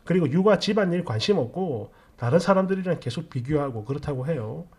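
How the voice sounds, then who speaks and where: Gravelly man musing aloud. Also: fairly high pitch, a little mellow. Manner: rambling, thinking aloud with many pauses. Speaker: story channel host. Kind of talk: casual commentary on a reader's story.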